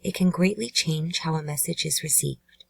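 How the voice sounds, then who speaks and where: A woman hosting a true crime channel, giving measured, earnest scripted narration. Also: sits low, creaky, husky, no echo, rough recording.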